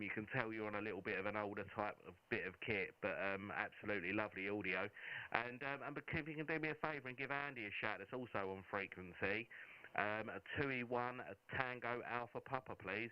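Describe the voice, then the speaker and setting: A man's voice: lowish voice, clear, resonant tone, highs cut off. A man chatting casually and hesitantly as he hosts ham radio contacts in an easygoing, matey way. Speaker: amateur radio operator hosting a live stream.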